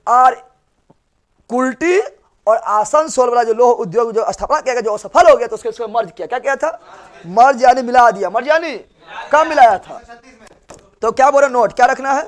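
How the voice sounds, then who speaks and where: A man's voice: very high-pitched, moderate pace, long pauses. A male teacher, giving a classroom lecture and drilling students with repeated questions and answers.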